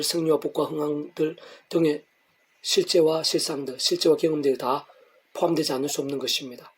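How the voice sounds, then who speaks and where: A man's voice: on the high side, breathy edge. A middle-aged man pastor reading a devotional sermon in long, flowing, earnest sentences.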